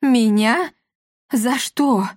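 A woman's voice: fairly high pitch, drawn-out words, no echo, studio quality, pitched above the performer's own voice. A woman reading a story aloud, voicing a pompous, touchy old man who is the village elder and whines and takes offence. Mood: indignant. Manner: indignant, whining, aggrieved.

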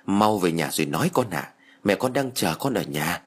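A man voicing a gentle older father comforting his grown daughter. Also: fairly low pitch, big pitch swings, normal speed, slightly rough. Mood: soothing. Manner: soft, soothing.

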